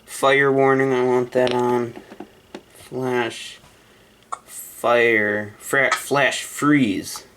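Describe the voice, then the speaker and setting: A vlogger casually sets up a weather radio, thinking out loud while reading through menu items and making his picks. His mid-range voice is a bit bright and barely shifts in pitch, moving extremely slowly with frequent pauses against slight background noise.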